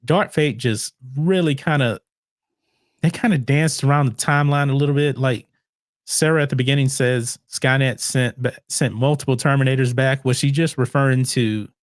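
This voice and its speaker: A man hosting a casual movie podcast, animated and incredulous, often restarting his words. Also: medium pitch, normal speed, dry recording, clean studio sound. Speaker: podcast host.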